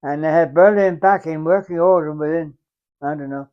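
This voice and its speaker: A very old English man, around a hundred, reminisces as a war veteran. His voice sits a little high for a man, and he talks in a halting, reflective way, circling back over phrases. The recording is somewhat dull and muffled. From England. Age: very old, around 100. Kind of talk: unhurried oral-history reminiscence.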